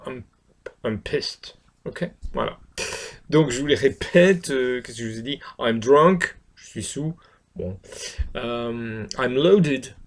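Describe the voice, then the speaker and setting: A middle-aged man giving a casual spoken lesson, repeating each phrase and filling pauses with hesitations. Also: mid-range voice, creaky, breathy edge. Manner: repeats phrases, lots of fillers. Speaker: English teacher.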